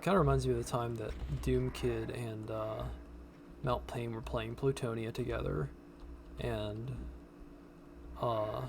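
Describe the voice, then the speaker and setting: A man's voice: mid-range voice, fairly even intonation, a little slow, gravelly, long pauses, background noise. A man in his thirties chatting casually while playing a game, earnest and rambling, drifting into life advice. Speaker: podcast co-host playing a game. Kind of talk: casual chat while gaming.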